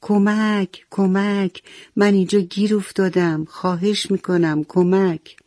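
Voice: mid-range voice, flat delivery, darkish tone, no room sound, clean studio sound, natural voice. A storyteller voicing a small, sulky young chick stuck in a pit, calling out and pleading for help in a children's storybook voice.

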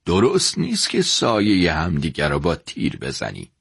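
A man voicing an older, smooth-talking male bazaar merchant who is a shop rival, with a husky voice. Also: low voice, wildly swooping pitch, fairly bright tone, no echo, studio quality, pitched below the performer's own voice, full character voice. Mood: wheedling.

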